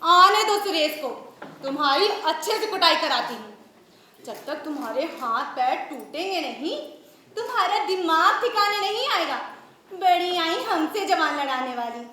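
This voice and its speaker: A woman's voice: extremely high pitch, sing-song, unhurried, pushed and bright, a little hiss or hum, exaggerated voice. A woman playing a harsh, contemptuous mother-in-law who taunts her daughter-in-law. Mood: furious. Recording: very echoey room, faint music.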